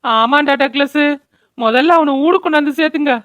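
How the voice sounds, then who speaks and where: A woman's voice: high voice, moderate pace, a bit bright, no room sound, soft background music. A woman voicing a weary, scolding older mother-in-law in a cartoon, worn down by her drunkard son. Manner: scolding, world-weary, anxious. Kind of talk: cartoon voice acting.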